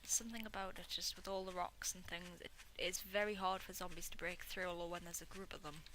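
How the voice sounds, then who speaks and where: A young woman chatting casually and self-mockingly while playing a game, sometimes muttering quietly to herself. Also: on the low side, steady tone, fast talker. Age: young adult. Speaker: gameplay video host. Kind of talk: casual gameplay commentary. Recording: noisy home recording.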